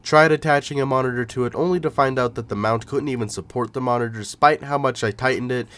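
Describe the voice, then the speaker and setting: A man's voice: medium pitch, fast talker, fairly bright tone. A young man narrating a voice-over in a reflective, storytelling way. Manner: reflective, storytelling after the fact. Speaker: vlogger narrating.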